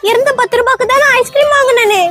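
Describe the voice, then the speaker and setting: A woman voicing an excitable, easily scared little girl in a cartoon, whiny and pleading. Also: very high-pitched, very fast.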